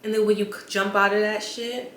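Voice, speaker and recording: Speaking at a fairly quick clip with a level tone, a woman in her twenties talks frankly to her camera as a vlogger, with many "like" fillers. Her voice is medium-pitched and fairly bright. The camera mic captures a roomy sound with faint ambience and a little hiss or hum.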